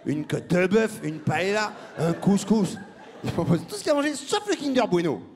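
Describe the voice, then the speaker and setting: A man doing a stand-up style comic monologue, mocking and laughing, breaking into squeaky put-on voices. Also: very animated, normal speed. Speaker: stand-up comedian.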